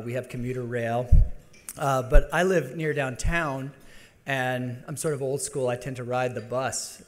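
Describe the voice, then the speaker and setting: A man from Denver giving a conference luncheon speech, halting with restarts and fillers. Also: mid-range voice. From Denver, Colorado. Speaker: conference speaker. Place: large conference hall. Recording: long hall reverb.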